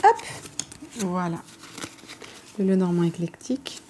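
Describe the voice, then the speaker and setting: Chatty woman, mellow voice. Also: fairly low pitch, big pitch swings, slow, slight background noise. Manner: chatty, hesitant, many fillers and self-corrections. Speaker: vlogger showing her tarot collection. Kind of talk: casual show-and-tell.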